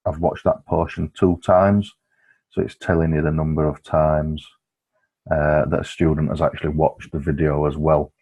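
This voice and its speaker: Very deep, flat, husky-voiced man tutor. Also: normal speed. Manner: relaxed, explanatory, with frequent fillers. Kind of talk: screen-recorded software walkthrough.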